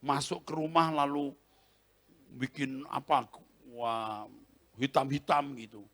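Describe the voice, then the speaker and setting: A male pastor preaching a sermon with animated storytelling, often laughing and acting out scenes, in a convention hall. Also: medium pitch, slow. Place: large convention hall, Christmas service.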